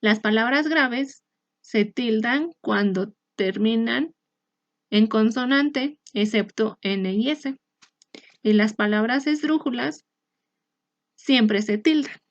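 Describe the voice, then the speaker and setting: A woman teacher explaining a lesson in a clear, measured way, sometimes restarting a phrase. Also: a little high, no room sound. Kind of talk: recorded online lesson. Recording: dry, slightly muffled recording.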